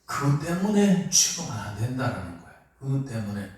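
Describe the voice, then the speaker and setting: A man's voice: medium pitch, fairly quick. A man preaching a sermon as pastor, asking his congregation questions as he goes. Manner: lively, asks the congregation questions. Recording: echoey hall, mic far off.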